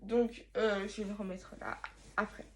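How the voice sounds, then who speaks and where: A young woman chatting casually in her bedroom, reading from her old notebooks with a rambling, self-mocking manner and sudden loud exclamations. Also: medium pitch, little pitch movement, unhurried, a little hiss or hum. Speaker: vlogger.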